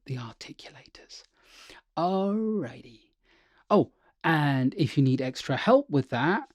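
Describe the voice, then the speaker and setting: A man's voice: mid-range voice, a little mellow, dry recording, clean studio sound. A man teaching a singing lesson as a vocal coach, upbeat and chatty, checking in with the listener often.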